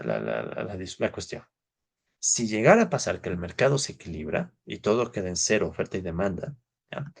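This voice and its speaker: Guy teaching an econ class, gravelly voice, super chatty, keeps asking "right?" after every point. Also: fairly low pitch. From Ecuador. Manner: conversational, tags sentences with "¿no?" and "¿ya?", thinks aloud. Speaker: university economics lecturer. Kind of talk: informal lecture.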